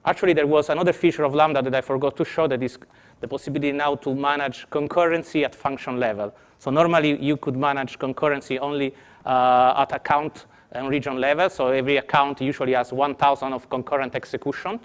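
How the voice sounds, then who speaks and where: A man's voice: mid-range voice, fairly even intonation, fast talker, clean tone. A man with an Italian accent answering audience questions as a conference presenter, explaining patiently with some restarts. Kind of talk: technical Q&A answers.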